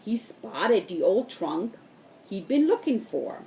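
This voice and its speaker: A woman reading a children's storybook aloud in a slow, expressive way. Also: medium pitch, creaky, echoey room, slight background noise. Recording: voice distant from the mic.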